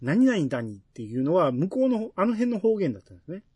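A man's voice: high voice, quick pace, breathy edge, no room sound, clean studio sound. A man with a Kansai accent, hosting a casual podcast chat and reading listener mail aloud. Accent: Kansai Japanese. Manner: relaxed, musing, reads listener mail. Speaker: podcast host.

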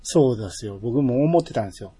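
A man's voice: mid-range voice, fast, husky, no room sound. A man co-hosting a podcast in casual, teasing banter. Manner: relaxed, teasing banter with frequent laughs. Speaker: podcast co-host. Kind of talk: casual chat.

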